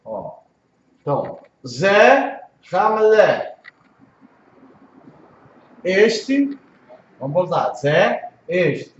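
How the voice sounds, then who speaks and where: A man's voice: high voice, big pitch swings, very slow, long pauses. A Brazilian man, a pastor, gives an informal Hebrew lesson, patiently repeating pronunciations and checking understanding. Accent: Brazilian Portuguese. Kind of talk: informal one-on-one language lesson. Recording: echoey room, dull lo-fi audio, faint noise.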